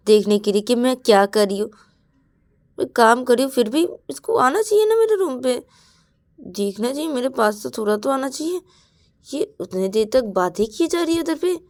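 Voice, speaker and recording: A woman's voice: fairly high pitch, clean tone, pitched above the performer's own voice, close to an everyday voice. Ananya: a woman putting on a sulky jealous girl. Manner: whiny, complaining, pouty.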